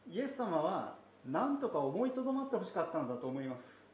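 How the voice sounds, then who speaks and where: A man teaching from the Bible in a conversational way, slipping in playful asides and soft laughs. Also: high-pitched, very animated, fast talker. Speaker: pastor. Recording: roomy echo, faint background noise.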